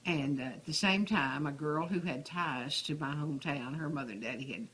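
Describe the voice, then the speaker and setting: This retired schoolteacher, an elderly woman with a Texas accent, has a low, fairly bright, slightly rough voice and speaks at a moderate pace. Being interviewed, she rambles through her memories conversationally, often restarting phrases, over noisy room ambience.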